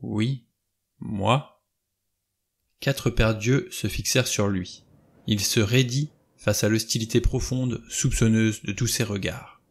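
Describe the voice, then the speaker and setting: A man reading a novel aloud in steady, plain storytelling narration. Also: fairly low pitch, unhurried, slightly rough. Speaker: audiobook reader. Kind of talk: scripted narration.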